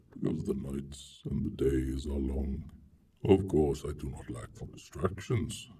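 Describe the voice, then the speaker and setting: A man performs a proud, lonely monster in a literary monologue, extremely deep and slow, with heavy creak. The delivery is hammy and stagey, grandiose yet childlike, swelling and dropping into hushes. It is picked up from a distance with faint noise. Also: exaggerated voice. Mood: haughty, then playful, eager. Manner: haughty, pompous. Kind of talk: dramatic reading of a literary monologue.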